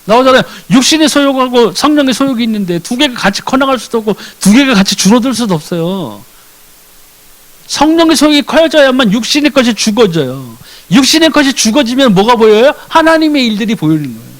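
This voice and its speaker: A man gives a church sermon in a high voice that swoops widely from phrase to phrase. He keeps the hall involved with rhetorical questions and slips briefly into acted dialogue. The delivery is animated and expressive. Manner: acts out short dialogues with changed voices. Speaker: church deacon preaching.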